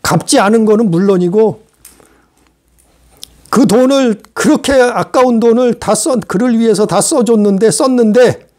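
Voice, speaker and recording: A man's voice: high voice, unhurried, darkish tone. A man pastor preaching a sermon, emphatic and repetitive, full of rhetorical questions.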